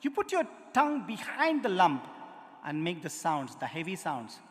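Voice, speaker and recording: An Indian-accented man, a music lecturer, addresses an audience in a large auditorium with a voice pitched high for a man and swooping wildly up and down at a moderate pace. He speaks rhythm syllables aloud as demonstrations and repeatedly puts questions to his listeners, his words carrying the long reverb of the big hall.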